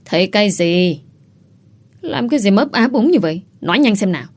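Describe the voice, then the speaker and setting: A woman's voice: medium pitch, expressive, a little fast, a little mellow. A woman voicing a stern older male landowner who demands answers. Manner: gruff, commanding.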